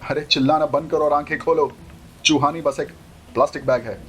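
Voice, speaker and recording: A man's voice: a little high, steady tone, fairly quick, a little hiss or hum, natural voice. A man voicing an easygoing young man who teases and jokes in an offhand manner. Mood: teasing. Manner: teasing, joking, offhand.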